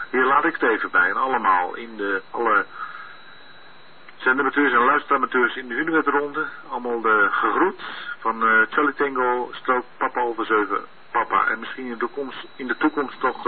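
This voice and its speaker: Halting male ham operator heard over a two-way radio, thin and tinny with a faint hiss. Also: mid-range voice. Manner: hesitant, many filler sounds. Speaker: radio amateur calling in. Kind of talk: casual on-air greeting.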